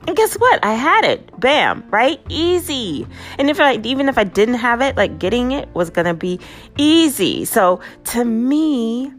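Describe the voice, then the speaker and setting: A woman hosting a casual motivational talk, conversational and lively, often checking in with "right?". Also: a little high, unhurried, faint music behind. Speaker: host.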